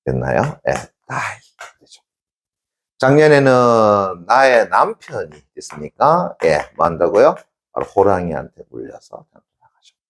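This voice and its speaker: A man's voice: low voice, normal speed, gravelly, breathy edge. A male teacher telling a classical tale in a lecture, constantly checking in with his students and answering himself. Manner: animated storytelling, sound effects. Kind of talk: Korean classics lecture, storytelling.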